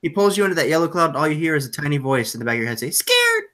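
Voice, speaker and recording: Male game master on a video call, bright and animated, loose descriptive narration. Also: on the high side, rapid-fire. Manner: loose, descriptive, filler-heavy.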